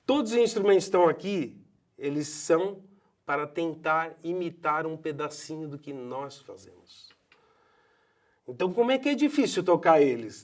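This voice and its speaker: A Brazilian man in his fifties talks with passion and clear emphasis. His voice sits a little higher than most men's. He speaks as a voice doctor explaining his subject to the listener. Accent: Brazilian Portuguese. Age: 50s. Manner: expressive, emphatic, animated. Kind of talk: passionate promotional talk.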